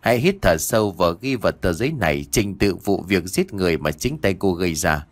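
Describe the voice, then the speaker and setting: Guy reading as a stiff formal officer, low voice, lots of lift in it. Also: animated, fairly quick, no room sound. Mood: stern. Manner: formal, procedural. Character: stern uniformed male interrogating officer.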